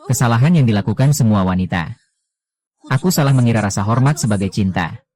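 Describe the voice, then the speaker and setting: A man reading the dialogue of a dubbed drama, voicing every role in one even, low-key delivery. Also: fairly quick. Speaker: voice-over reader of a drama.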